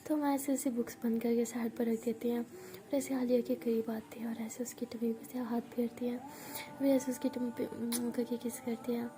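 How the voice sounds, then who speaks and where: A woman narrating a love story as whispered role-play, in a soft, hushed voice close to the mic. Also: fairly high pitch, flat delivery, normal speed, a crowd in the background.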